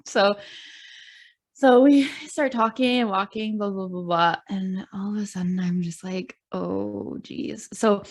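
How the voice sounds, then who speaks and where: A young woman from Canada telling a story in casual chat, animated, acting out what people said and laughing often. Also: mid-range voice, a little slow. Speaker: podcast guest.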